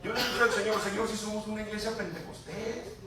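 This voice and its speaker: A pastor delivers an impassioned Pentecostal sermon straight to his congregation, talking fast in a high voice with fairly even intonation. Picked up from far off in an echoey church hall, the recording carries crowd noise.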